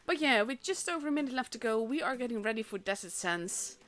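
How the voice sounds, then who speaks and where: This Dutch streamer's voice is fairly high and fairly bright, expressive and quick. A young native Dutch speaker from the Netherlands, she casts an esports tournament live in a loose, chatty way, full of fillers and restarts, over faint stream music.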